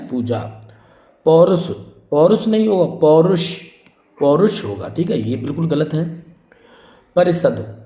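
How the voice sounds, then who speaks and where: Echoey Hindi teacher drilling spellings. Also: male voice, on the high side, dark tone. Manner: repetitive drilling, asks then answers his own questions; addresses students as friends and brother. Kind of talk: exam-prep spelling lesson.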